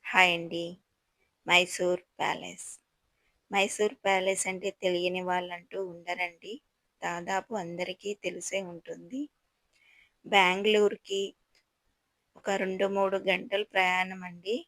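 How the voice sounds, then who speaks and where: A woman's voice: lowish voice, little pitch movement, a little slow, pauses often, fairly bright tone, no room sound, low-quality recording. A woman gives a chatty, admiring guided tour and talks straight to her viewers. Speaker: travel vlogger touring a palace. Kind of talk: casual guided tour narration.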